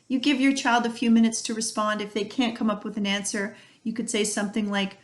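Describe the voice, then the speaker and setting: A woman's voice: a little high, little pitch movement, fairly quick. A middle-aged woman, an early childhood educator, giving parents practical advice in a friendly way and illustrating each point with everyday examples. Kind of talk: instructional talk to parents.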